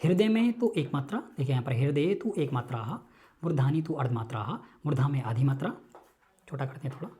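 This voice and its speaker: A woman teaching Sanskrit in an online lecture, explaining a text slowly, repeating terms and checking that listeners follow. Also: extremely low pitch, lively intonation, warm tone.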